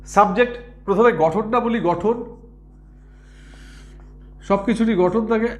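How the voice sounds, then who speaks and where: A man's voice: sits high, takes it slowly, muffled recording. A man teaching grammar, patient and repetitive, often checking whether his students follow. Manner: patient, repeats words and asks if students understand. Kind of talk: explanatory lesson.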